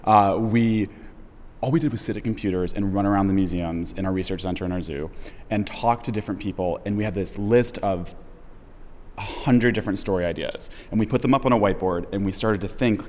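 A man's voice: fairly low pitch, fairly quick, a little mellow, in a large hall, slight background noise. A man talking casually and enthusiastically as an interview guest, rambling with lots of likes. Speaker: podcast host and guest.

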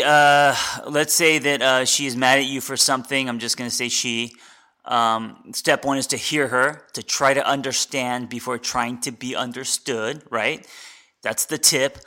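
A man's voice: medium pitch, bright, forceful tone. A man hosting his own podcast as a life coach, giving unscripted advice in an earnest, plainspoken way with frequent restarts. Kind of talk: unscripted solo advice talk.

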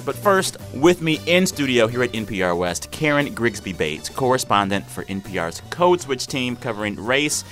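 An American man hosts an informal radio talk show with lively, swooping intonation. He chats casually about the news in a studio, often tossing in quick reactions. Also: mid-range voice, soft background music. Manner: informal and animated, with frequent interjections.

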